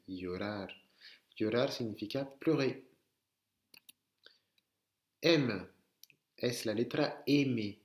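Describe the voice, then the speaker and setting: A French man teaching Spanish pronunciation letter by letter, slowly repeating words for his students to say back. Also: fairly low pitch, creaky, echoey room. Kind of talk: online language lesson.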